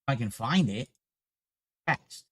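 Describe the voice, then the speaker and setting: A young man streaming live, chatting casually and getting frustrated and swearing while fixing his stream software. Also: mid-range voice, animated, unhurried, no room sound, clean studio sound. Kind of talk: casual livestream chat.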